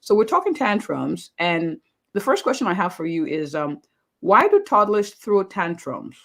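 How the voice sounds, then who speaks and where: Upbeat woman host, slightly low voice. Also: very animated, normal speed, creaky, a bit bright. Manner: upbeat, effusive, repeats praise words. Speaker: host, family physician. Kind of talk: live-streamed interview.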